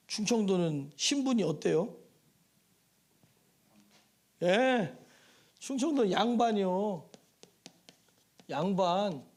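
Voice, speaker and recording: A male pastor delivering a sermon in a church, his voice sitting high and swinging widely in pitch. He preaches in a loose, chatty way and keeps turning to the congregation with rhetorical questions. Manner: lively and conversational, with rhetorical questions and asides to the congregation. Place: church sanctuary.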